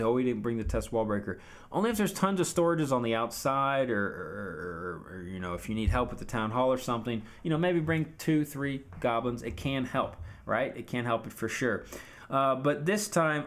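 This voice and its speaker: A man talking through a strategy game replay in a relaxed, chatty way. He coaches viewers and talks straight to them. His voice sits at an ordinary middle pitch. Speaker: video game commentator. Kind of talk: casual gameplay recap commentary.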